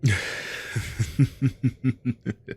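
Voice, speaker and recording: Lord Voss, gravelly cruel naga commander. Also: male voice, deep voice, sing-song, slow, darkish tone, exaggerated voice. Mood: haughty, contemptuous. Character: cruel, haughty male naga army commander, menacing serpent lord. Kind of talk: scripted ASMR role-play monologue to a captive listener.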